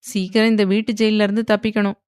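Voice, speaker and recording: A woman's voice: medium pitch, flat delivery, fast, darkish tone, clean tone, dry recording, clean studio sound, close to an everyday voice. Irritated, scheming young wife, as a narrator puts her on. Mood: exasperated. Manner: exasperated, grumbling.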